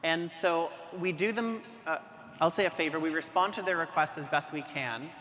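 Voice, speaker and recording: A physician speaking on a conference panel, chatty and acting out quoted dialogue, recorded in a reverberant hall. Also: male voice, fairly high pitch, normal speed, pushed and bright. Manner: conversational, acts out quoted dialogue. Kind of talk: panel discussion. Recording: reverberant hall with faint noise.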